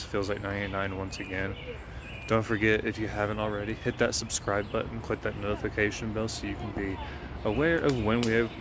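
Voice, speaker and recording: A man chatting casually to viewers as a family vlogger, recorded outdoors at a campground. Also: fairly low pitch. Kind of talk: casual vlog chat. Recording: noisy outdoor camcorder-style recording.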